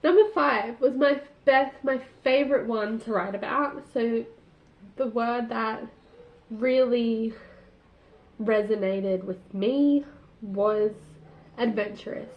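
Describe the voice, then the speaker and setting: A woman's voice: a little high, slow. A woman hosting a casual solo podcast, chatting with lots of "like" fillers and laughing at herself, recorded on a tablet's built-in mic. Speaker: podcast host. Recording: roomy, dull tablet recording.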